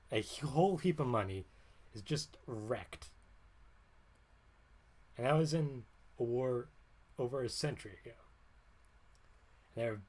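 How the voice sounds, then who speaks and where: A man's voice: mid-range voice, a little mellow. Guy streaming, chatty rambly monologue, keeps correcting himself, dry jokey tone. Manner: rambling and wry, often stopping to correct himself. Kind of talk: casual livestream monologue.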